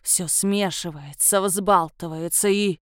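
A woman voicing a surly little male monster who talks in a sullen, clipped and slow way. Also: fairly low pitch, clear, resonant tone, dry recording, studio quality, pitched below the performer's own voice.

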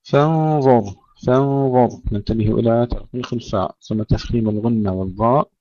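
A man's voice: lowish voice, steady tone, fast, a little mellow, husky, no echo. A man teaching Quran recitation rules, reading short verse phrases and repeating single words to show correct and wrong pronunciation. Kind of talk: tajweed lesson, reciting verses and explaining pronunciation. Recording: dull, lo-fi dry recording.

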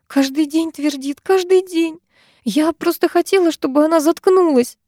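A woman's voice: extremely high pitch, a little mellow, no room sound, studio quality, voice pushed up. A woman narrator voicing a distraught young woman who pleads and sobs in frantic outbursts. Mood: tearful. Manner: rushed, pleading, sobbing outbursts.

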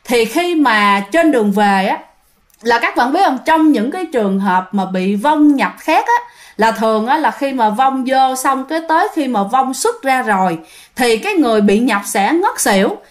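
A woman with a Southern Vietnamese accent telling a ghost story in a chatty, drawn-out way, often addressing her listeners. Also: sits high, lively intonation.

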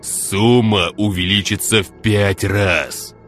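A man voicing a calculating gang boss who speaks in a slow, measured, menacing drawl. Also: fairly low pitch, fairly even intonation, a bit bright, soft background music, voice pushed up. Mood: cold.

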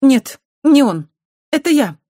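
A flustered, apologetic young woman biker, talking fast and a good deal higher than the reader's own voice, as an audiobook reader puts her on. The recording is dry and close-miked. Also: very animated, no echo, full character voice. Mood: sheepish. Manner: embarrassed, hurried, high and bright.

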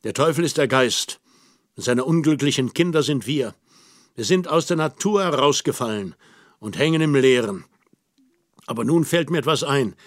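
A man narrating a literary audiobook in a measured, reflective way. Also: medium pitch, lively intonation, no echo, clean studio sound.

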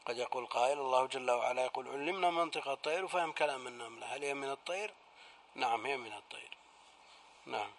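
Sheikh breaking down the reading, gravelly mid voice, calm and measured. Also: male voice, mid-range voice, a little hiss or hum. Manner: measured, explanatory, closes points with "yes". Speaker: sheikh giving commentary. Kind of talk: scholarly lesson commentary.

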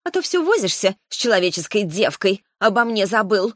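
A woman's voice: medium pitch, big pitch swings, a little fast, a bit bright, no room sound, studio quality. A woman voicing a vain, seductive and spiteful dragoness who speaks coyly and haughtily.

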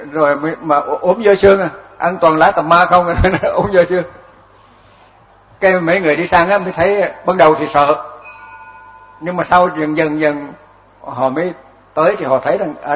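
Older male monk, slightly high voice, easygoing dharma talk with chuckles, dull lo-fi recording. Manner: relaxed storytelling with chuckles and repeated words. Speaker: Buddhist monk teacher.

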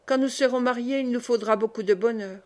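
An earnest young man, tender and grave with the girl he loves, read by a woman narrating a classic novel. His voice sits fairly high and the delivery stays close to an audiobook reader's own voice. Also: a little fast, close to an everyday voice. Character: earnest young male worker, idealistic lover.

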